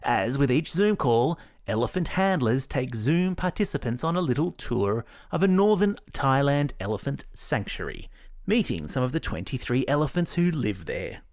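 Lively Australian man reading kids' news. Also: mid-range voice, moderate pace, no room sound, clean studio sound. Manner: upbeat, playful, jokey asides. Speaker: news podcast host. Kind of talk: scripted kids' news narration.

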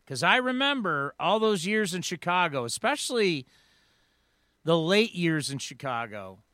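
A man in his forties hosts sports talk radio from a studio microphone, his voice high and bright. He speaks clean and smooth, with a dry close sound and no room around him. He tells his stories in an energetic, rambling way. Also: no room sound. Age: 40s.

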